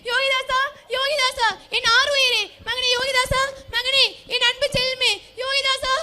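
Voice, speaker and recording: A woman's voice: very high voice, steady tone, a little fast, pushed and bright. A school student voicing a grieving queen mother who wails and sobs over her lost son in a stage play. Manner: wailing lament, sobbing.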